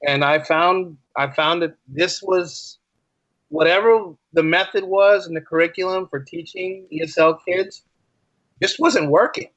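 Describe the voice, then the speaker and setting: Unhurried and fairly bright, his high-sitting voice carries earnest, emphatic storytelling as a podcast guest who works as a writer and teacher, repeating phrases in casual conversation. The recording is dry, on a slightly dull lo-fi line.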